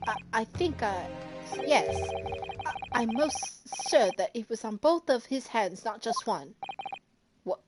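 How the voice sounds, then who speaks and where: A woman's voice: a little high, expressive, measured pace. A woman game streamer in a casual let's play, reading game dialogue aloud dramatically and breaking off into casual asides. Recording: loud game music behind voice. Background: game music.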